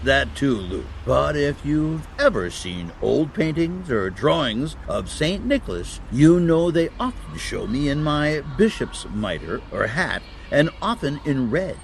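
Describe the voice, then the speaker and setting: An actor playing a kindly old Santa Claus in a children's audio drama, avuncular and gently explanatory, with a gravelly voice. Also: male voice, a little high, very animated, a little slow, few pauses, slight background noise, exaggerated voice. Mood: kindly, teaching. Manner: avuncular, chuckling, gently explanatory, hesitant phrasing.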